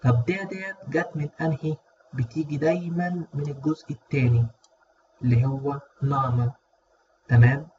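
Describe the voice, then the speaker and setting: A man with an Egyptian Arabic accent talks through a casual lesson at a middle pitch, often repeating phrases slowly and checking that his listeners follow. The audio is dull and lo-fi. A faint noise runs underneath. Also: steady tone, a little mellow. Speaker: German language teacher.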